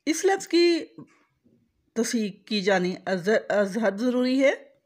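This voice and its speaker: A woman with a slightly high, darkish, sing-song voice teaches correct pronunciation, taking it slowly. In a deliberate instructional explanation, she spells out the vowel marks letter by letter and repeats each word.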